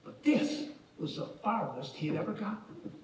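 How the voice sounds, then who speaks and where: A man's voice: high-pitched, big pitch swings, moderate pace, darkish tone, a little hiss or hum. An actor playing a grown man wryly narrating his own boyhood in a stage musical. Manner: wry, storytelling. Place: theatre stage. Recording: echoey theatre from far off, music.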